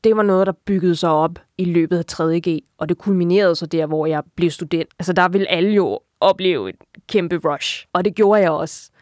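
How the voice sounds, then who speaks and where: Young woman interviewee, lowish voice, open and reflective storytelling. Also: darkish tone, no echo, clean studio sound. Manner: reflective and open, frequent filler tags. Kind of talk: candid personal account.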